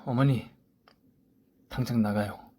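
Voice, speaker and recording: A man's voice: medium pitch, fairly even intonation, slow, dark tone, dry recording. A man voicing an indignant young pregnant wife. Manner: pleading, defiant protests. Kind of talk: story radio voice acting.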